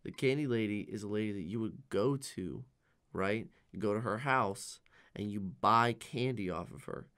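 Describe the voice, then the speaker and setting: Young male podcast co-host, low voice, joking and loose. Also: normal speed, clear, resonant tone. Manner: jokey, animated, swings loud and quiet. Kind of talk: casual chat.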